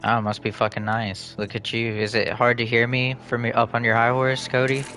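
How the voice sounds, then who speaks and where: A man's voice: medium pitch, level tone, normal speed, bright, forceful tone. A man streaming a video game, chatting casually in a rambling, profane, joking way. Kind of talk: casual chat while gaming.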